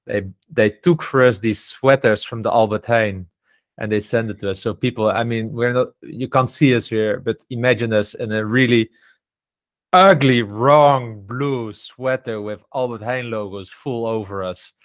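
Man, podcast co-host, casual investing chat, fairly low voice, dry close sound. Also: steady tone, normal speed, no echo. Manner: chatty, leans on "you know" and "I mean".

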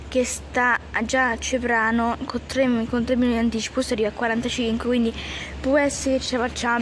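A woman giving casual, halting vlog commentary on a phone at an outdoor railway station, often trailing off. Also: a little high, background noise. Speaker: train-spotting vlogger. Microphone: handheld phone, speaker off camera.

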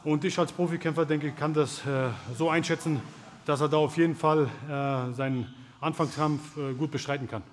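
A man in his thirties speaks as a fight coach, explaining and commenting casually. His voice is a bit high, with the clear chatter of a busy gym behind it. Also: fairly even intonation, moderate pace. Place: large busy martial arts gym.

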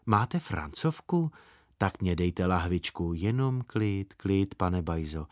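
A man's voice: low voice, lively intonation, no echo, clean studio sound, voice pushed down. A man playing a fussy bossy old-fashioned doctor. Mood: bustling. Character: fussy bustling small-town male doctor.

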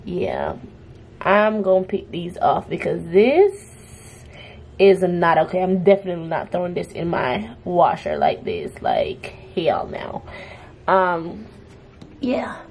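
A woman's voice: on the low side, very animated, takes it slowly, a little mellow, a little hiss or hum. A young woman chatting casually to her viewers as she cleans and sorts things in her bedroom, exclaiming as she goes. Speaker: vlogger. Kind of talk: casual chat. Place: bedroom at home. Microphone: camera on the bed.

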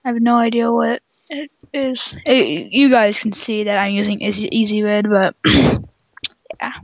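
A woman playing along in a casual game session, narrating her own moves with quick alarmed exclamations. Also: a little high, creaky, dry recording, muffled recording. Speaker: co-player. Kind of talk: casual gameplay chat.

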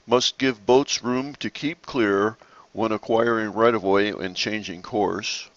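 A man narrating a slide-based lesson on sailing rules in a measured, explanatory way. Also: on the low side, a bit bright, no room sound, muffled recording. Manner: measured, explanatory, occasional restarts.

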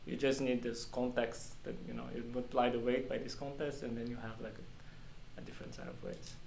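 A male meetup presenter with a mid-range, darkish voice, level tone, brisk pace and some vocal fry informally explains technical material to a small group. He's in a small glass-walled meeting room, recorded on a distant mic with echo and faint noise.

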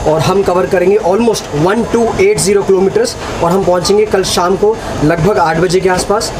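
A young man in his twenties gives an upbeat travel vlog, holding the phone at arm's length and reeling off figures. His voice sits fairly high. Station and train noise come through clearly behind him. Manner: upbeat, explanatory, rattles off numbers and facts. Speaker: travel vlogger. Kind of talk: casual travel vlog narration. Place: railway platform and inside a train coach. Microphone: phone camera at arm's length. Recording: noisy station phone recording.

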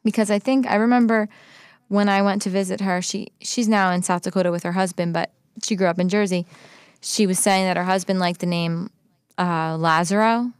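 A woman hosting a live show, chatting in a quick, playful way. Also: medium pitch, fairly even intonation, smooth, no echo, studio quality. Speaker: host. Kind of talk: casual chat. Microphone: studio mic.

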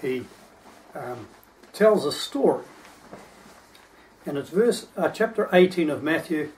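A man's voice: on the high side, expressive, measured pace, a little mellow. A man preaching a sermon, reading scripture aloud and stopping to explain verses in an earnest teaching manner. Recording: distant microphone.

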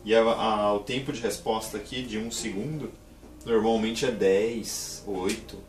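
Guy unboxing a monitor, chatty and excited, roomy echo, bit far from the mic. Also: on the low side, measured pace, soft background music. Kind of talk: casual unboxing vlog.

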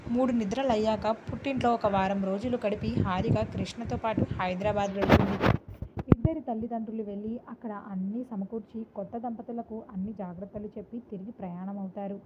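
A woman narrating a family story in a steady, even storytelling manner. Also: medium pitch, a little fast, dull audio, very noisy.

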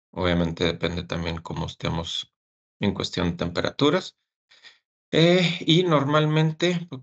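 A man presenting a technical webinar as a service engineer, speaking haltingly with fillers and repeated words over a webcam. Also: on the low side, creaky, fairly bright tone, muffled recording.

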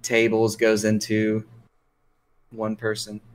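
Low-voiced man bantering on a podcast. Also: monotone, slow. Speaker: podcast co-host. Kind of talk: casual podcast chat.

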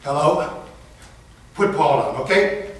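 A man's voice: fairly high pitch, slow. An actor playing an anxious man in debt who talks defensively on the phone and snaps at a stranger, in a stage play. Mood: pleading. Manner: pleading, defensive. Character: anxious indebted man on the phone, then curt. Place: stage performance. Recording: echoey, distant, faint hiss.

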